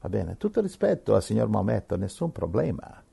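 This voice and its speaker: A man preaching a sermon, emphatic, swinging between loud rhetorical questions and quiet asides. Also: fairly low pitch, very animated, fairly quick, creaky, husky.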